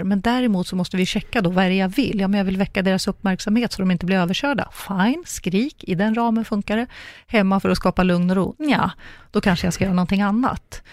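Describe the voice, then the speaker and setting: A woman's voice: mid-range voice, darkish tone, dry recording, studio quality. A middle-aged woman, a coach, explaining ideas in a chatty way with acted-out example dialogues. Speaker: coach and communicologist guest. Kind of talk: casual podcast conversation.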